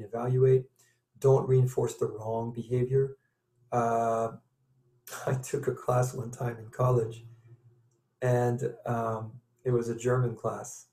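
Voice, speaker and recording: A male college instructor lectures in a loose, conversational way, often stopping to restart his sentences. His voice is dark and mellow at an ordinary pitch. The recording carries a noticeable room echo. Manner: rambling, conversational, many fillers and restarts.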